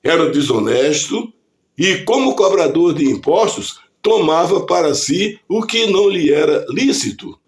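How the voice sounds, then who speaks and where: A man with a Brazilian Portuguese accent, preaching a scripted devotional reflection and reading scripture in a slow, deliberate way. His voice sits on the high side and sounds animated.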